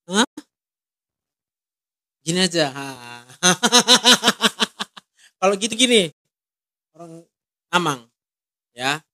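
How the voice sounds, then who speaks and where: A man's voice: a little high, lively intonation, slow pace, long pauses, sharp tone, no echo. A man, counseling someone one-on-one and asking many short, direct questions. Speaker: counselor in a ministry.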